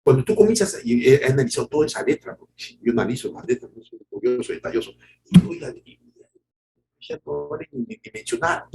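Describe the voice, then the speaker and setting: A man, preaching a sermon in an animated way, repeating words and acting out quotes. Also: medium pitch, brisk, vocal fry, poor audio. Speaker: pastor.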